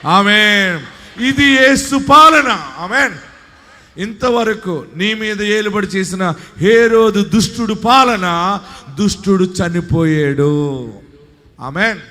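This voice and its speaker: A male pastor with a high, ringing voice preaches a live sermon, swinging between quiet asides and shouted exhortation. His words carry the long reverb of a large hall. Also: slow, long pauses. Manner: preaching with shouted rises and call-and-response verse reading.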